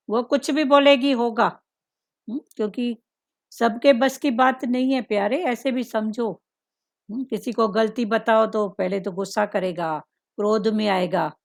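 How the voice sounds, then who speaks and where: Woman spiritual teacher, fairly high gravelly voice, unhurried devotional talk, lots of thoughtful "hmm"s. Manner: slow, musing, with frequent "hmm" fillers.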